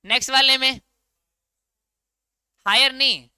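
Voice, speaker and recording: This English grammar teacher has a very high-pitched, very bright, crisp and clear voice and talks at normal speed. In a relaxed lecture manner he rapidly asks his students questions, then answers them himself. The sound is close and dry, with no echo from the room.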